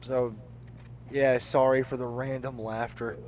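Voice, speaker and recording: A man's voice: mid-range voice, little pitch movement, measured pace, a little mellow, highs cut off, a little hiss or hum. Rambling, laid-back gaming man. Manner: rambling, laughs often, swears casually. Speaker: gaming channel host. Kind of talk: casual commentary over gameplay.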